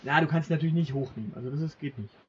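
On a casual podcast, a male co-host serves as game master for a short role-play game, talking wryly and haltingly with lots of fillers. His voice is fairly high and husky, and the audio sounds dull.

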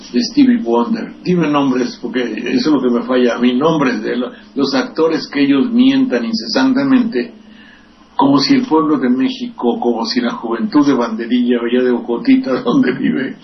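An older man from Veracruz with a Mexican accent, giving rambling, sardonic and profane political commentary as a radio host. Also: mid-range voice. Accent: Mexican Spanish. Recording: distant, dull lo-fi radio recording with faint hiss.

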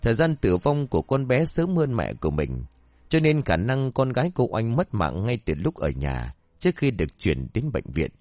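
A man narrating a scripted horror story with an expressive storytelling delivery. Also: medium pitch, moderate pace, dry recording.

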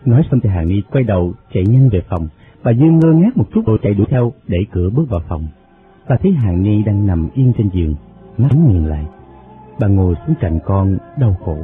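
Low-voiced man narrating a novel. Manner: steady, measured storytelling. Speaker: audiobook narrator. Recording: phone-like sound, faint music.

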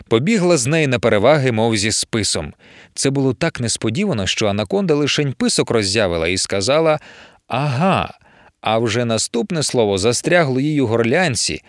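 Expressive man narrating a novel, animated pitch, dry studio read. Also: no room sound. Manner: expressive storytelling. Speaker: audiobook narrator. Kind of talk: scripted narration.

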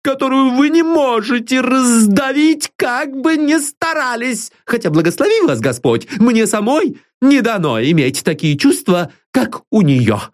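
A man's voice: very high-pitched, big pitch swings, unhurried, hardly any pauses, pitched above the performer's own voice, heavily acted. A man reading an audiobook and voicing an old female servant who is devoted, blunt and folksy, full of pious exclamations. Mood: protective.

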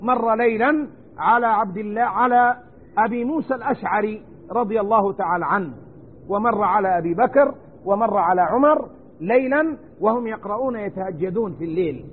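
A man's voice: high-pitched, brisk. A man teaching a religious lesson on Quran commentary, speaking earnestly and addressing his listeners directly. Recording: tinny narrow-band recording with faint noise.

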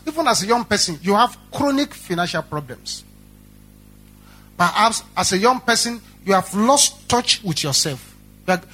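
A man's voice: high-pitched, slightly rough. A Nigerian-accented male pastor preaching a sermon, telling stories with lots of repetition. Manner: animated storytelling with repetition.

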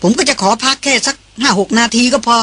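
A woman's voice: high-pitched, a little fast, fairly bright tone, voice pushed up. Woman reading a shaken young male guide. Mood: brusque. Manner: faltering, bewildered. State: out of breath.

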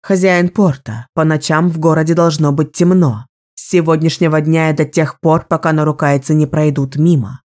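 A young sorceress plotting her next move, voiced by a woman reading an audiobook. Her voice sits low and mellow, calm and measured. She speaks with quiet decisiveness. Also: natural voice. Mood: resolute. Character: resolute young female sorceress, strategist.

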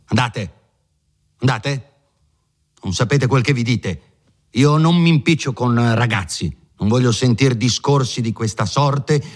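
A man's voice: low voice, a little mellow. A man voicing a pompous older country lawyer in an audiobook reading, patronizing at first, then blustering and dismissive.

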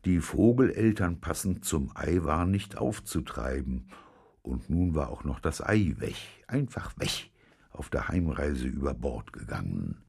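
A man with an extremely deep, gravelly and husky voice reads a children's story aloud. He speaks slowly and lets his pitch swing widely for effect. The telling is expressive, with a dry edge. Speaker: audiobook reader.

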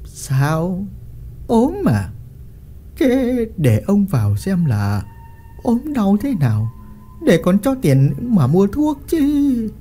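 A reader voicing a lecherous, bullying old male village official who mocks and threatens in a drawn-out way. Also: mid-range voice, huge pitch swings, mellow, soft background music, voice pushed up, full character voice. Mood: leering menace. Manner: mocking, leering, drawn-out menace.

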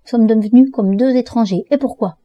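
A hurt younger sister reproaches her brother, as a woman reads her in an audiobook. Her voice is dark and mellow, recorded dry and near the mic. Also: a little high, brisk, no echo, highs cut off, lightly acted. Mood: reproachful. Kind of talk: audiobook dialogue reading.

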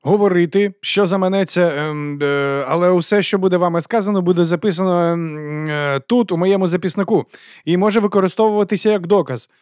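A man's voice: sits high, fairly quick, darkish tone, clean tone, dry recording, studio quality, voice pushed up, close to an everyday voice. A man voicing an earnest, dutiful young male constable reading out formal rules.

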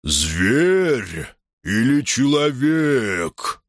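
A man voicing a huge, slow-witted, plaintive pancake-shaped monster that speaks in a slow, howling, drawn-out bleat. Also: mid-range voice, big pitch swings, dry recording, studio quality, pitched above the performer's own voice.

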